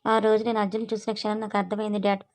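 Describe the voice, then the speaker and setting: A woman's voice: mid-range voice, completely flat delivery, very fast, darkish tone, lightly acted. A woman storyteller voicing a lovestruck young daughter earnestly pleading with her father.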